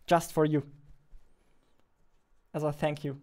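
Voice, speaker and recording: A man's voice: fairly high pitch, level tone, slow pace, a little mellow. A young man with a German accent, chatting casually in a game development vlog. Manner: chatty, self-deprecating, laughs often.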